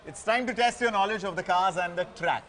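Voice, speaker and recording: Playful high-voiced Indian male show host. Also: brisk, a bit bright, slight background noise. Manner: playful, jokey. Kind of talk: lively presenting and quiz hosting.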